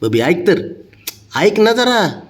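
A cat owner talks to his cat in coaxing, pleading baby talk, casual chatter aimed at his pet. His voice sits high with big pitch swings and a slow pace, and the sound is reverberant.

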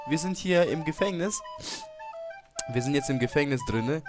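A young man giving excited gameplay commentary, swinging from low mumbling to sudden shouts. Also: normal speed. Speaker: gaming streamer. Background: game music.

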